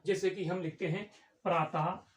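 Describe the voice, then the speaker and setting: A man giving an exam-prep grammar lesson as a Hindi teacher, explaining step by step and pausing on drawn-out fillers. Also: high voice, steady tone. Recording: echoey room, voice from far off the mic.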